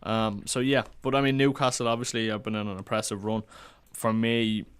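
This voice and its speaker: A man's voice: lowish voice, level tone, fairly quick, clean tone. A man chatting casually about fantasy football on a podcast, opinionated and full of restarts. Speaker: podcast panelist.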